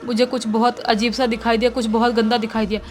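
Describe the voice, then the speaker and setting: A woman's voice: a little high, level tone, quick pace, a little hiss or hum, close to an everyday voice. A woman voicing a frightened boy who begs for help in a horror story. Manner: anxious, pleading. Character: worried boy, frightened and pleading.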